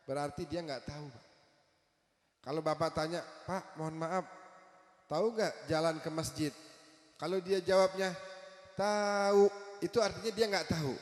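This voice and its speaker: High-voiced Betawi preacher in an echoey hall. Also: male voice. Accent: Jakarta Betawi. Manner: animated, joking asides, asks the crowd questions. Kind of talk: humorous sermon to a live audience. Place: large echoey hall at a religious school event.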